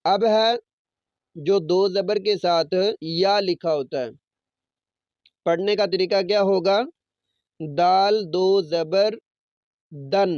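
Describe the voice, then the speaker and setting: A man with a high, smooth, resonant voice gives a patient recitation lesson. He sounds out each letter slowly, repeats it, and then explains it. The recording is dry, close and a little dull. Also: darkish tone, no echo. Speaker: Quran reading teacher.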